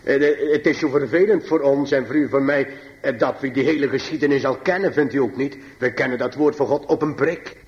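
A man preaching to his congregation, slow and emphatic, swinging between high pleading passages and low quiet asides. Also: muffled recording. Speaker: pastor. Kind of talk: sermon.

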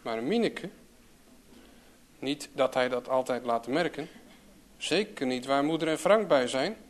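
A man reading a children's story aloud in a calm, even storytelling manner. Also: on the high side. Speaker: narrator.

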